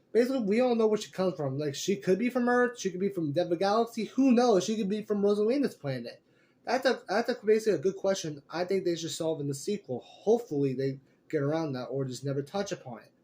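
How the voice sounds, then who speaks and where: A man's voice: high voice, a little mellow. A young man giving a casual spoken review, rambling along with lots of fillers and restarts. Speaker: movie reviewer.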